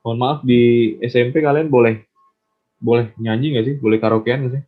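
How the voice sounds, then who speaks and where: A man's voice: mid-range voice, fairly even intonation, moderate pace. A man teaching public speaking in an online class, encouraging and asking his students questions. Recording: tinny phone-like line.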